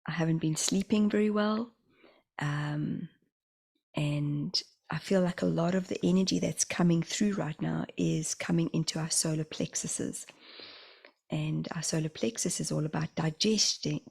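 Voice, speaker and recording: A middle-aged woman with a New Zealand accent and a slight lisp, talking in a soft, half-whispered way about spiritual messages and slowing down on key phrases. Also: deep voice, gravelly, husky. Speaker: spiritual channeler. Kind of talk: casual spiritual vlog talk.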